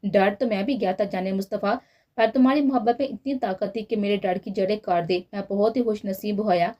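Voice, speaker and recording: A woman's voice: mid-range voice, steady tone, a little fast, muffled recording, lightly acted. A woman voicing a lovesick, impatient young husband in a storybook reading, earnest and pleading. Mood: tender.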